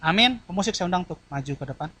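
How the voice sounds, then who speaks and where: A male pastor preaching a sermon in a church, lively and animated, acting out quoted voices. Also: sits high, very fast. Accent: Indonesian.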